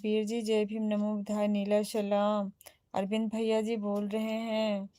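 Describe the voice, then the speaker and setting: A woman's voice: medium pitch, completely flat delivery, a little slow, warm tone, no echo. A woman with an Awadhi accent, chatting casually on a livestream as she reads out and answers viewer comments one by one. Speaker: live streamer reading viewer comments.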